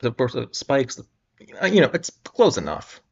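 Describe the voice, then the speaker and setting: A man's voice: mid-range voice, wildly swooping pitch, moderate pace, gravelly, breathy edge. A young man reads a pulp novel aloud for a livestream audience, breaking off for wry, amused asides and tripping over words. His voice sits in an ordinary middle register, and the sound is dull and lo-fi, like a home stream. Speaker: livestream reader. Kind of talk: casual dramatic reading with mocking asides.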